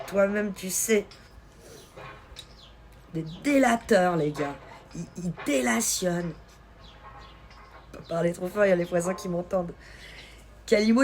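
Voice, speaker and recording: A woman from Switzerland with a light Swiss French accent, hosting a live stream and chatting casually with viewers in a teasing, quick-witted way. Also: mid-range voice. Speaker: livestream host. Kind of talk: casual live-stream chat reading comments.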